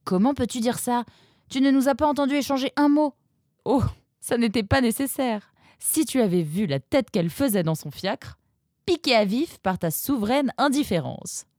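A woman's voice: fairly high pitch, expressive, moderate pace, a little mellow, no echo, pitched above the performer's own voice, close to an everyday voice. A knowing mother vixen teases her son in a raised, playful voice, as a woman narrator puts her on. The storybook reading is dry and close. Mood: teasing.

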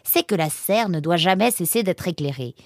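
A fussy, excitable female creature who runs a watermill, always fretting and exclaiming, as a woman puts her on for a storybook. Her voice sits high and jumps wildly up and down, with a breathy edge. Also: normal speed, no room sound, studio quality. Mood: fretful. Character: fussy excitable female animal, mill keeper. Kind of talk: storybook character voice.

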